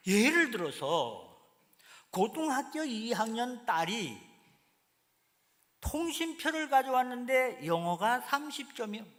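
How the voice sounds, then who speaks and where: Male pastor, sermon, high voice, animated folksy storytelling, long church reverb. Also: slow pace. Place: church sanctuary.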